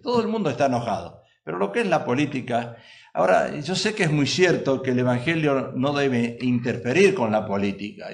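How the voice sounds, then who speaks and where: A man's voice: medium pitch, gravelly. A male pastor preaching a sermon in a church, emphatic and full of rhetorical questions to the congregation.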